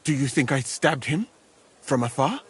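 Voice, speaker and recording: A dignified knight in a video game who answers calmly in a very raspy, mid-pitched voice. His replies stay composed and measured. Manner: calm, dignified.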